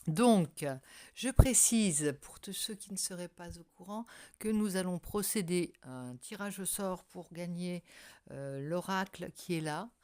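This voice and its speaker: Woman, slightly low pitch, casual tarot host, hesitant delivery, searching for words. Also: unhurried, mellow. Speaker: tarot reader and channel host. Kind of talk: casual tarot card reading to viewers.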